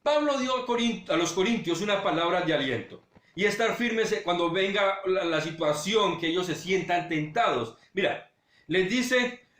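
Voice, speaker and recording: A male pastor giving a sermon, talking straight to his listeners and swinging between loud urging and hushed low passages. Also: expressive, moderate pace, roomy sound. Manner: direct address to listeners.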